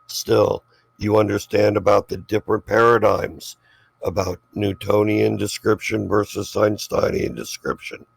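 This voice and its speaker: A man's voice: lowish voice, fairly even intonation, unhurried, gravelly, husky, low-quality recording. A man debating informally in an exasperated, condescending, sweary way.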